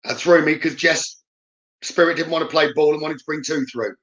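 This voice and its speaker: A man's voice: on the high side, moderate pace, a bit bright. A man working as a medium on a live stream, calling out short, repeated questions and instructions to spirits and viewers.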